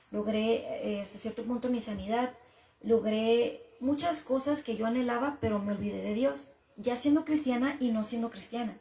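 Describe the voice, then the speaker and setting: Earnest gravelly-voiced woman sharing faith. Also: fairly high pitch, dark tone, echoey room. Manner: earnest, repetitive, talks through her frustrations with God. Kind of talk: casual faith reflection.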